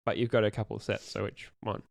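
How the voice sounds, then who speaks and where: A man's voice: fairly low pitch, little pitch movement, fast, gravelly, dry recording, clean studio sound. A young man co-hosting a casual podcast, rambling with lots of ums and restarts as he asks questions. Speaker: podcast co-host asking questions. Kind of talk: casual chat.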